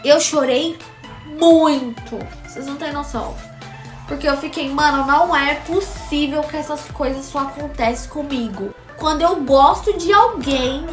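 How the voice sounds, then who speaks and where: Woman, high voice, echoey room, faint music behind, emphatic and slangy. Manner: emphatic, slangy, repeats herself. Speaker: storyteller. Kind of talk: casual storytime.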